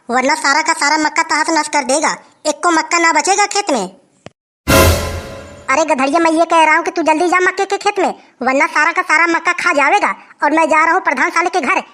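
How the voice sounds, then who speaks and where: A performer voicing an angry old farmer in a who shouts complaints and threats. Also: extremely high pitch. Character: grumpy old village man, angry farmer.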